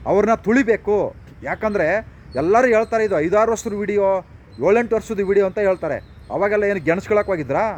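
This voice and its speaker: A man's voice: high voice, fast talker. A man, delivering an impassioned monologue full of rhetorical questions and repeated phrases, recorded outdoors near traffic. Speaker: political commentator.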